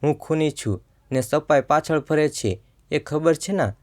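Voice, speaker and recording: A man telling a story, voicing a young fugitive son who talks low and choked. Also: a little slow, a little mellow. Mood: desperate. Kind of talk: storytelling narration.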